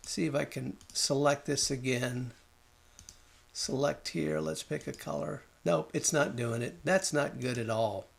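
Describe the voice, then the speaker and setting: A man talking through a design software tutorial, thinking aloud and muttering at the program as he works, with keyboard and mouse clicks behind him. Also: medium pitch, unhurried, vocal fry. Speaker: design instructor. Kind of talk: screen-recorded software tutorial.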